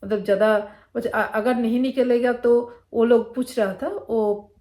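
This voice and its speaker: A woman's voice: on the high side, fairly even intonation, unhurried, darkish tone. A woman from Bengal with a Bengali accent, telling a personal story in a casual, rambling way with many fillers and restarts. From Bengal, India. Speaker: vlogger.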